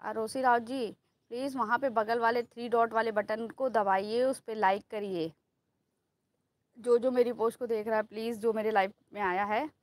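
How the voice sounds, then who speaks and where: A woman's voice: a little high, fairly even intonation, moderate pace. Woman coaxing her pets on a live stream. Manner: coaxing, scolding pets, pleading with viewers for likes. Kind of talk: casual live stream chat. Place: home with cats.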